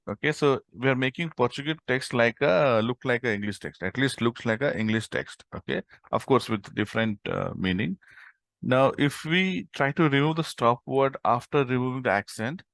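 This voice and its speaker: Guy walking through code on a call, gravelly voice, dry close sound, keeps saying okay. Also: mid-range voice, lively intonation, normal speed, fairly bright tone, no echo. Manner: explains step by step, frequent "okay" and "right?". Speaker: instructor. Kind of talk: live coding tutorial. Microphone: online call.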